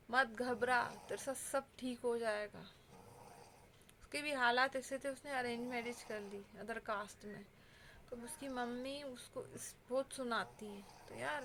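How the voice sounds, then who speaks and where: A woman's voice: on the high side, a bit bright, a little hiss or hum. A woman vlogger giving heartfelt advice straight to her viewers, earnest and pleading in a conversational way.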